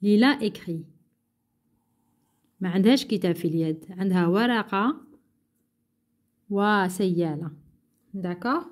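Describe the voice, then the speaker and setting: A woman teaching primary school leads a workbook lesson at a medium pitch, taking it slowly and patiently while she repeats each word and renders it in Arabic.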